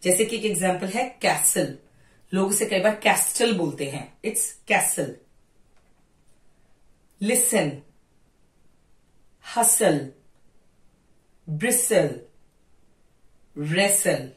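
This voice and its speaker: A woman teaching English pronunciation, switching between Hindi and English and repeating each word slowly to drill it. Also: on the low side, lively intonation, far from the mic. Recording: roomy echo.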